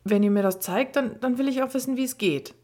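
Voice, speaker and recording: A woman doing an eager little child, high and pleading. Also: a little fast, mellow, lightly acted. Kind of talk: children's story reading.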